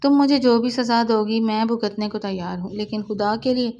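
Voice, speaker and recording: A woman's voice: a little high, fairly even intonation, warm tone, dull audio, natural voice. A woman reading the lines of a remorseful young husband who pleads and apologizes in a storybook reading. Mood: pleading.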